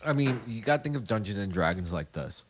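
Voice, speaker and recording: A man's voice: fairly low pitch, expressive, fast, a little hiss or hum. A man in his thirties co-hosting a podcast, rambling and joking in casual chat. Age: 30s. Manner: rambling, joking, repeats himself. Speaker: podcast co-host.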